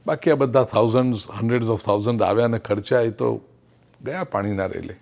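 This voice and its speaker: A middle-aged man giving a spiritual discourse, telling a parable with acted quotes and slowing down for emphatic English phrases. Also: mid-range voice, creaky, darkish tone. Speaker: spiritual speaker. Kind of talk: Gujarati spiritual discourse with storytelling.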